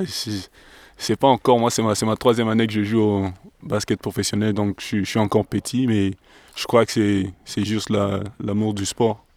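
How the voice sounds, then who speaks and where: Halting young man. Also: on the low side, flat delivery, a little mellow, no echo. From DR Congo. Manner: hesitant, halting, searching for words. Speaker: professional basketball player. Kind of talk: interview answers.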